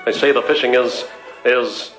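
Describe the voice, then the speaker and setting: A man's voice: mid-range voice, steady tone, normal speed, close to an everyday voice. A man playing a lovesick young man in an overwrought soap drama, sighing and theatrical. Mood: melodramatic. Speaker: actor in a soap play within the show. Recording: roomy old radio broadcast with music.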